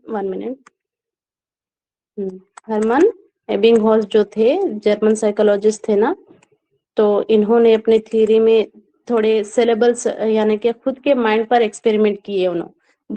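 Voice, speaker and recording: Female online tutor with a high-pitched voice, walking students through concepts and often checking in. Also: darkish tone. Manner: explains step by step with frequent check-in questions to viewers. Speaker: teacher. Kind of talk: online exam-prep lecture.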